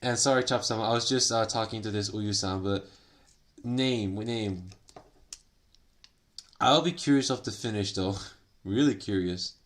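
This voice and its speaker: This man has a lowish voice with a fairly bright tone and speaks a little slowly. He's live streaming a hobby project, chatting casually in a mix of Japanese and English, politely greeting viewers by name, with frequent fillers and plenty of laughter.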